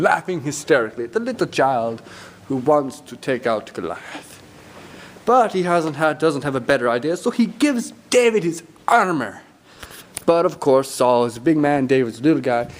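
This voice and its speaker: A man retelling a Bible story in a comic way, with playful, teasing asides to his listeners. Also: a little high.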